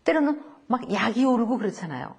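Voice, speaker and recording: A woman's voice: fairly high pitch, lively intonation, brisk, darkish tone, breathy edge. Korean woman teaching parents about empathy. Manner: acts out parent and child voices in quoted dialogue; addresses audience directly with rhetorical questions. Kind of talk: lecture to parents.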